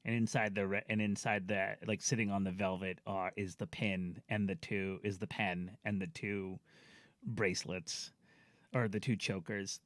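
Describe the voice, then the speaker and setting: A man running a tabletop role-playing game as game master, narrating haltingly with many fillers. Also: on the low side, little pitch movement, fairly bright tone, no echo, clean studio sound.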